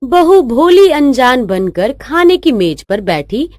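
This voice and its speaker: Woman narrator for a cartoon story, high voice, dry close sound. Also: very animated, takes it slowly, a little mellow, dry recording.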